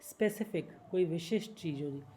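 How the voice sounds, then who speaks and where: A woman teaching spoken English, spelling out long words slowly, syllable by syllable. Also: lowish voice, warm tone, a little hiss or hum, rough recording. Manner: slow, syllable-by-syllable spelling and pronunciation.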